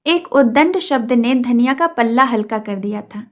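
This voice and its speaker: High-voiced woman reading a novel aloud. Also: lively intonation, moderate pace. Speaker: teacher reading a novel for exam prep.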